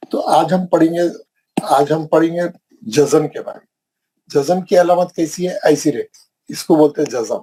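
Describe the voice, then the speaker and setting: A man's voice: on the high side, mellow, breathy edge, low-quality recording. A man teaching an online Quran recitation class, repeating points and quizzing his students. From India. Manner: repetitive, questioning, drilling the class.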